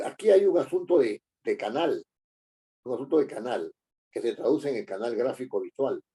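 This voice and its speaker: A man lectures at an unhurried, hesitant pace, often stopping on fillers and checking in with tag questions. His voice is dark and a little husky. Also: mid-range voice, expressive. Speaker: teacher.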